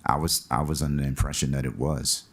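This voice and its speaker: Very deep gravelly man, hesitant and formal. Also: steady tone, fast talker. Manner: hesitant, many fillers, formal wording. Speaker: town official addressing the commission. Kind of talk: formal meeting remarks. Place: town commission chamber.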